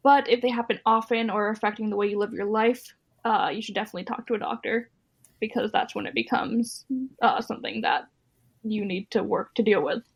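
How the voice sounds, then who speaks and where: A woman's voice: mid-range voice, fairly even intonation, fairly quick, creaky, slightly rough. A woman co-hosting a podcast in casual chat, reading her lines in a conversational way with fillers. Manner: conversational, reads scripted parts with fillers. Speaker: podcast co-host.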